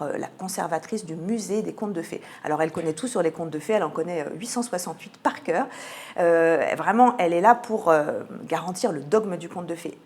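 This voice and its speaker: Speaking on the radio about a cultural programme, a woman with a French accent from France comes across as articulate, though she frequently hesitates as she reaches for words. Her voice is on the low side with a darkish tone.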